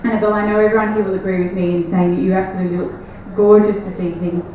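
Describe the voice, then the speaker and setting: A woman's voice: mid-range voice, flat delivery, very fast, mellow. A woman giving an affectionate, sentimental wedding speech as the bride's sister. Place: large echoey venue at a wedding reception. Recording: echoey, noisy, distant event recording.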